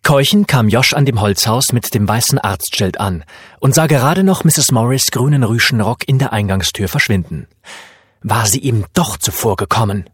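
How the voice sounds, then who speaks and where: A man narrating a children's story as an audiobook in a lively storytelling manner. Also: medium pitch, moderate pace, slightly rough, dry recording, studio quality.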